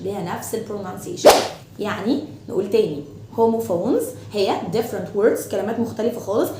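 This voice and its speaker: A woman teacher with an Egyptian Arabic accent explaining an English lesson, repeating example words slowly and clearly. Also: mid-range voice, darkish tone, roomy sound, slight background noise.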